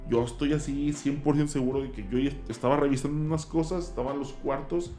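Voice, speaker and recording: A Mexican man swapping ghost stories in loose, slangy talk, filling his lines with "güey". His voice sits at an ordinary middle pitch. The room is echoey, with faint music under him. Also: fairly even intonation, fast talker, dark tone. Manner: slangy, peppers speech with "güey". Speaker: guest, zombie walk organizer. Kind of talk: casual storytelling chat.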